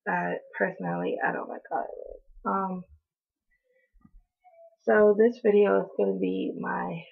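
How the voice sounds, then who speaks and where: Hoarse and raspy from allergies, a young North Carolina beauty vlogger talks through a casual haul video, chatty and apologetic, with plenty of ums and the occasional cough. Her voice is medium-pitched and fairly even, a little slow. A close webcam in a small indoor room, in front of a door, gives the audio a tinny sound.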